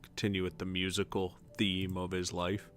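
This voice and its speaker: A man's voice: low voice, completely flat delivery, moderate pace, fairly bright tone. A man casually commenting as he plays a decorating game on stream, muttering to himself as he places furniture. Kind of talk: casual let's-play commentary.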